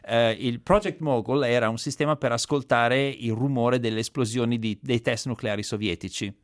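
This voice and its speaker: A man's voice: mid-range voice, fairly even intonation, moderate pace, no room sound, clean studio sound. A man hosting a radio talk show, explaining things in a casual, ironic way and often breaking into laughter.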